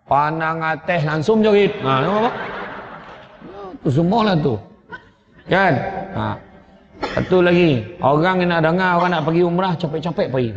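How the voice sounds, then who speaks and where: A man with a Malaysian Malay accent giving a humorous sermon as a preacher, telling stories and acting out scenes as he goes. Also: a little high. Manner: lively storyteller acting out scenes. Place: mosque or prayer hall. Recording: echoey hall, dull lo-fi sound.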